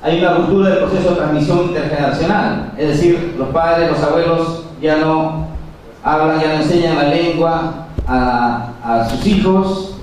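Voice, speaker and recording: In an echoey hall, a conference speaker from Peru, a native Quechua speaker, delivers a formal talk, measured and full of pauses and fillers. His slightly high, slightly mellow voice keeps a fairly even intonation, picked up from a distance with a bit of hiss or hum.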